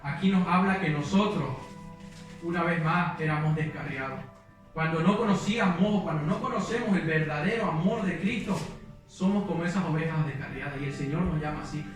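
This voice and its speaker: A man's voice: a little high, fairly quick. A young man preaching a sermon in a church, telling his own testimony in an earnest, emotional way. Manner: earnest, emotional storytelling with quoted prayers. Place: church hall. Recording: distant, very echoey church hall with music.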